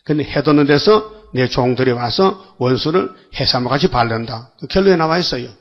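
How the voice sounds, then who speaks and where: A man's voice: medium pitch, lively intonation, fairly quick, muffled recording. An older man preaching a dawn worship sermon, folksy and full of rhetorical questions to the congregation. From South Korea. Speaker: pastor.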